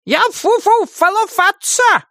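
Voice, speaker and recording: A woman's voice: very high-pitched, animated, slow pace, pushed and bright, dry recording, studio quality, voice pushed up, full character voice. A woman voicing a furious, scolding old witch in an audiobook, shrieking and drawing out her angry words. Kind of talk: audiobook character voice.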